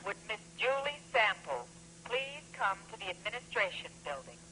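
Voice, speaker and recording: Park announcer, over a loudspeaker, bright tone, lively pitch, formal and even. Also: female voice, normal speed, slight background noise, low-quality recording. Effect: over a public loudspeaker.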